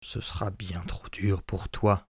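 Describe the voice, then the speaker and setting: Man playing a fretful old woodcutter dad from a storybook, lower and gravelly. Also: level tone, slow pace, dry recording, studio quality, full character voice. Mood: cautioning. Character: poor, worried old woodcutter father.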